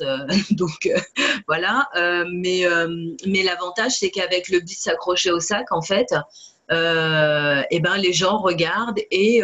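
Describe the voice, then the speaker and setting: Hesitant woman, lots of fillers. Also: fairly low pitch. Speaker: network marketing distributor. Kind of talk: casual talk to camera.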